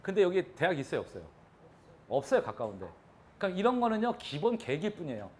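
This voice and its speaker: A man's voice: high voice, huge pitch swings, fast, darkish tone. A man giving a live real estate lecture, talking animatedly and throwing questions at his audience.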